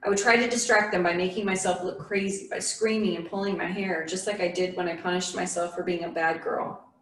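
A woman's voice: fairly low pitch, fairly even intonation, a little fast, fairly bright tone. Woman reading a memoir in a church. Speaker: memoir reader. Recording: echoey room from a distant mic.

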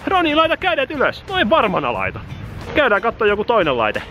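A man vlogging at an amusement park, joking and shouting on the rides, his voice going hoarse. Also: very high voice, soft background music. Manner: excited, jokey, shouts on rides. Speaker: YouTuber. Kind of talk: amusement park ride vlog. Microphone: action camera.

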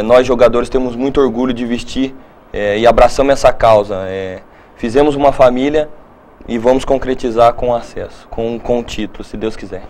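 A footballer in his thirties answers interview questions on a studio set. He speaks at a middle pitch, stopping and restarting his sentences as he thinks, picked up by a lapel mic. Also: darkish tone. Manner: halting, repeats words while thinking.

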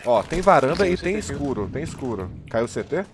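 Fast-talking Brazilian gamer man. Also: medium pitch, sing-song, background noise. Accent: Brazilian Portuguese. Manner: hyped, slangy banter, calling plays. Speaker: gaming streamer. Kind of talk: live gameplay commentary with teammates.

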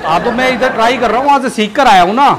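High-voiced coaxing Pakistani prank barber. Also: male voice, racing, a crowd in the background. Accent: Pakistani Urdu. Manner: coaxing, pushy, placating. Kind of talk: comic prank banter. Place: barber salon indoors.

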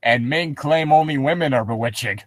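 A man casually bantering and reading a story aloud, sardonic and quick to swear. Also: mid-range voice, no room sound, studio quality.

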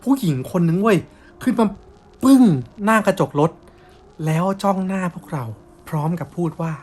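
A man's voice: high-pitched, expressive, moderate pace, a little mellow. Young man telling a slangy ghost story. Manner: blunt slangy storytelling with coarse words. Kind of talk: casual spoken ghost story.

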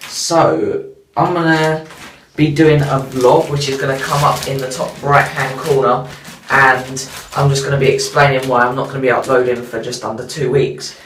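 A man's voice: mid-range voice, flat delivery, normal speed, a bit bright. A teenage boy casually explaining things to camera as a vlogger. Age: teens. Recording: echoey, distant camera mic, clearly noisy.

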